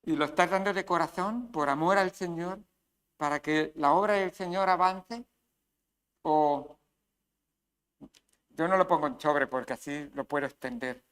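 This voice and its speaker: A man's voice: a little high, measured pace, pauses often, a bit bright. A man with a Spain Spanish accent preaching a sermon as pastor, emphatic, with rhetorical questions and acted asides.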